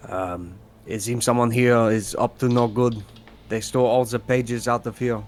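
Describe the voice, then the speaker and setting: A man playing a tabletop game, speaking in a slow, measured way. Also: medium pitch, steady tone, soft background music. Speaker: player. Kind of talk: casual tabletop play.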